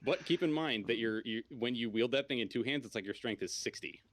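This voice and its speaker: A man with a medium-pitched, somewhat bright voice speaks briskly while streaming a video game and guiding other players through it. His gaming chat is casual and informal, and he swears freely.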